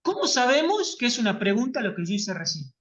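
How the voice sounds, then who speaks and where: Over a lo-fi video call, a woman runs an online workshop, explaining with care and repeatedly checking that her students are keeping up. Her voice sits on the high side, with big swings in pitch and a fairly quick pace.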